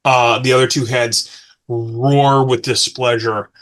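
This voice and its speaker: A man in a middle register runs the table as game master. He narrates the fight quickly, stumbling over restarts and fillers as he goes. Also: medium pitch, level tone, fairly bright tone. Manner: fast, halting with many fillers and restarts.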